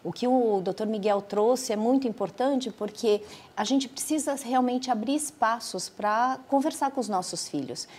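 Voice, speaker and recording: Higher-voiced woman giving expert advice. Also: normal speed, few pauses, darkish tone. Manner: explanatory, gives advice to parents. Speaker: prevention specialist guest. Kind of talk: expert guest in an interview.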